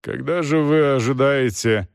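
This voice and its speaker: A man's voice: mid-range voice, a little slow, creaky, clear, resonant tone, no room sound, clean studio sound. A man voicing a stern, imperious older aunt in an audiobook reading, with a curt, commanding and dismissive manner. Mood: brusque.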